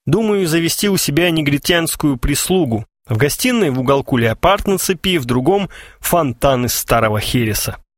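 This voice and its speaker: A man's voice: on the high side, animated, moderate pace, no room sound, clean studio sound, voice pushed up, close to an everyday voice. A man doing a moody, newly rich young man. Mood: brooding. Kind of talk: audiobook character voice.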